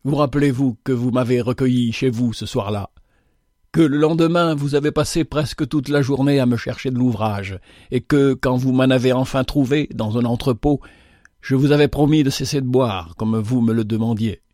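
A man as a gruff bandit leader. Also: medium pitch, moderate pace, darkish tone, no room sound, studio quality, lightly acted. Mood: remorseful. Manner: gruff, earnest.

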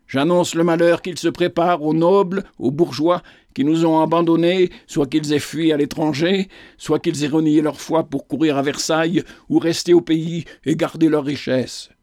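A man's voice: fairly high pitch, fairly even intonation, moderate pace, few pauses, darkish tone, dry recording, studio quality, close to an everyday voice. A man voicing a wrathful, grieving old peasant prophet who preaches in impassioned tirades. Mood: mournful.

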